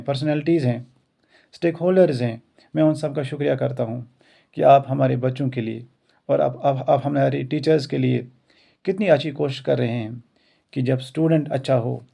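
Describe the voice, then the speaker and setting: A man's voice: mid-range voice, gravelly, warm tone. A male Indian schoolteacher who learned English on his own gives an earnest, motivational talk to students and teachers. He stacks up repeated rhetorical lines. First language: not English; self-taught English. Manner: earnest, repetitive rhetorical build-ups.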